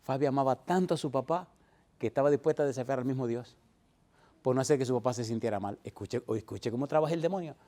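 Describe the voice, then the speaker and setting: A man's voice: mid-range voice, fast, mellow. A middle-aged male pastor preaching a sermon, firing repeated rhetorical questions at his congregation and building to emphatic peaks.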